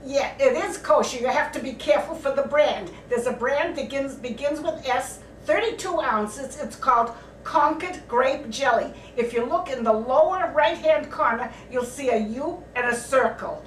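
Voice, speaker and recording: Older woman, cooking show host, high-pitched, warm kitchen echo. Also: moderate pace, few pauses, slight background noise. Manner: homey, plain-spoken, grandmotherly. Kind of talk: casual cooking show chat. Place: home kitchen. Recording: echoey kitchen, mic at a distance.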